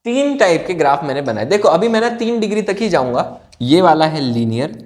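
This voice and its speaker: A man's voice: on the high side, big pitch swings, a little fast, darkish tone. A young man from India teaching maths in a casual, playful way, posing questions and answering them himself. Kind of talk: casual classroom explanation.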